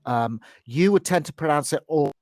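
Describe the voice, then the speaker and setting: A man's voice: on the high side, expressive, normal speed, a little mellow, no echo, studio quality. A man with a modern British accent coaching pronunciation one to one, instructive and encouraging, demonstrating sounds carefully.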